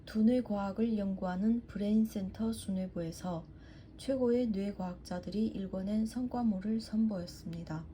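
A woman with a Yanbian Chinese-Korean accent reading practice sentences aloud with careful, deliberate enunciation. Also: mid-range voice, dark tone. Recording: muffled, with faint background noise.

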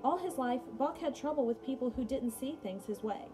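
This is a young adult woman in a small home room, teaching music by reading passages aloud and chatting casually between them. She speaks at a normal pace in a high, animated voice while music plays underneath.

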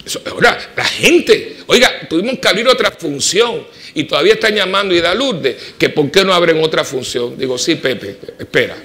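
A man with a Puerto Rican accent, a parish priest preaching a homily full of personal stories, swinging from emphatic peaks to soft, quiet asides. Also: fairly high pitch, moderate pace, hardly any pauses. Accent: Puerto Rican Spanish. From Puerto Rico. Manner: animated storytelling, rising to emphatic peaks and dropping to soft asides. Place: church.

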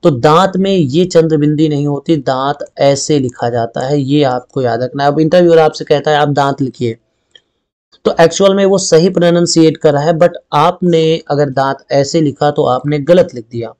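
A man's voice: a little high, normal speed, darkish tone. A man teaching a Hindi spelling lesson. He explains step by step and says each word twice. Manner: explains step by step, often adding "ठीक है" and repeating words.

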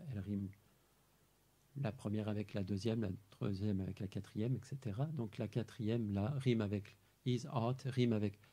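A man with a mellow, slightly husky voice talks through a poem line by line. He is measured and explanatory, lingering on single words as he presents his translation work. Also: fairly low pitch. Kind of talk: talk on translating poetry. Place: amphitheater.

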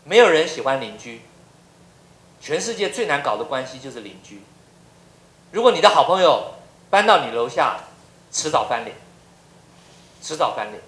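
A man's voice: medium pitch, a bit bright. A middle-aged man from Taiwan, a professor giving a lecture full of humorous anecdotes and rhetorical questions. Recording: roomy lecture hall.

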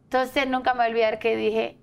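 High-voiced woman telling her story. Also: flat delivery, quick pace, creaky, smooth. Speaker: talk show guest. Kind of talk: candid storytelling in a casual interview.

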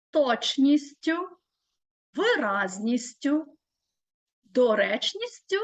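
A woman teacher giving a scripted presentation, measured and deliberate, stretching out listed terms slowly. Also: sits high.

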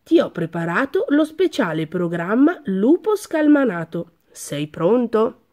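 A woman voicing an energetic sporty male animal friend in a storybook, brisk and encouraging. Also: fairly high pitch.

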